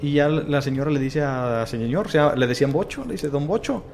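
A man's voice: a little high, a little fast, slight background noise. A man with a Mexican accent telling a paranormal story in casual chat, acting out the voices of the people he quotes. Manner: animated, acts out quoted voices in slang-heavy chat. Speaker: guest storyteller, paranormal content creator.

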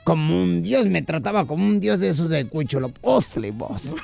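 A man's voice: fairly high pitch, expressive, moderate pace, vocal fry, music in the background, pitched below the performer's own voice. A man doing a grumbling drawling buddy voice. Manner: drawling, ends lines with "vos". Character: grumbling Central American buddy complaining about his wife.

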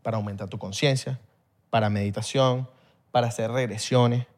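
Rambling podcast host. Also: male voice, medium pitch, steady tone, normal speed. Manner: rambling, slangy explainer. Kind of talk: casual chat.

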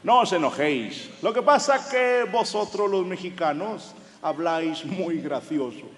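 A man voicing an amused Spanish man with a Spain Spanish accent, talking down to Mexicans in a drawn-out, condescending way, in a live comedy set. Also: high-pitched, animated. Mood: patronizing. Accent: Spain Spanish, put on. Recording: live hall with crowd and noise.

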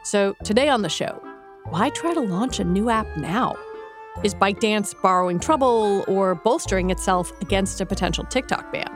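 Female podcast host, scripted journalistic narration, mid-range pitch, light music bed. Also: expressive, normal speed.

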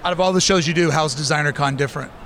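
Male podcast host, friendly convention interviewer, slightly high voice, light street noise. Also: rapid-fire, a bit bright. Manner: friendly, talkative, scripted intros.

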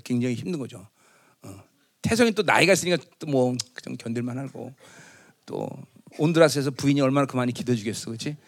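A man's voice: mid-range voice, expressive, fairly quick. A middle-aged man preaching a Christmas sermon as pastor, chatty with his congregation, often asking them to agree, and acting out boastful proclamations. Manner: conversational, teasing the congregation with tag questions; acts out loud proclamations in a raised voice.

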